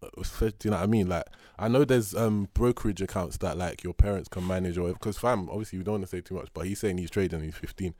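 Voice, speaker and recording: Deep-voiced young London roadman. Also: fast, hardly any pauses, mellow, no echo, studio quality. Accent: London, urban roadman. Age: young adult. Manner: slangy, bantering, addressing listener as bro. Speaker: podcast co-host. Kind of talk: casual podcast chat.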